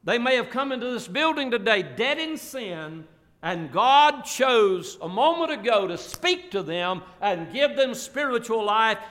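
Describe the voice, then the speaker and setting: A man preaching a sermon as pastor, slow emphatic drawn-out phrases and folksy asides. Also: high-pitched, fairly bright tone. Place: church auditorium. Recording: long reverb of a church hall.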